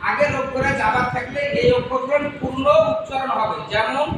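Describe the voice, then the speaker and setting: A man teaching Arabic pronunciation in a madrasa classroom, quizzing pupils on letters and drawing out sounds slowly. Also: very high voice, steady tone. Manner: drills letters with questions, slow drawn-out sounds. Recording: echoey classroom from far off, noisy.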